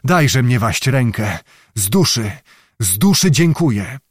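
A stern young knight giving short, clipped orders, as a man reads him in a storybook. The voice sits a little higher than the narration and comes across close and dry. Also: big pitch swings, slow, husky, no room sound, heavily acted. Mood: moved. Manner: clipped, commanding delivery. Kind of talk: audiobook character voice.

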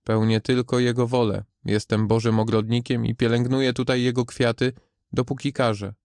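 A man reading the part of Death, a stern calm gardener of souls, in a grave measured voice. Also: medium pitch, dry recording, clean studio sound, natural voice.

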